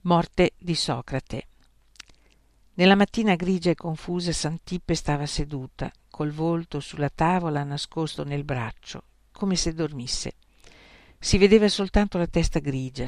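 A man narrating a literary story in a measured, ironic storytelling manner. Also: fairly high pitch, darkish tone, no echo, clean studio sound.

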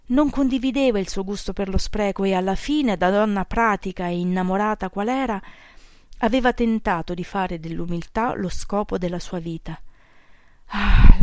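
A woman's voice: medium pitch, dry recording. Woman narrating an audiobook, dry sound. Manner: measured, steady reading.

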